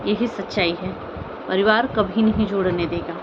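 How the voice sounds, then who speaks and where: A woman vlogger speaks steadily at normal speed in a mid-range voice, offering earnest, informal opinions on online family drama. She pleads with her listeners and leans on repeated phrases and rhetorical questions. The highs are cut off and the background is noisy.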